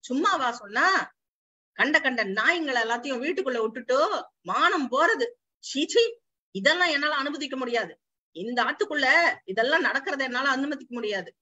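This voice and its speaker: A stern older father rails and scolds in a harsh, raised voice, performed by a woman storyteller. His tone stays high-pitched and severe. The recording sounds a little dull. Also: animated, normal speed, pauses often, sharp tone, full character voice. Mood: scolding. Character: angry strict older Brahmin father, scolding.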